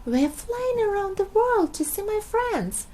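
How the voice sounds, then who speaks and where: Lady doing an excitable little piglet girl for a storybook, super high n bouncy. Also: measured pace, exaggerated voice, low-quality recording. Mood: excited.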